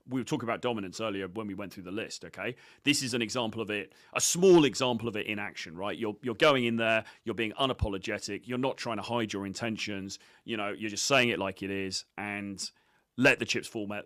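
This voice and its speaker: A dating coach presenter gives blunt, sweary, self-assured informal commentary on video clips. His fairly low voice sounds pushed and bright in a dry, studio-quality recording.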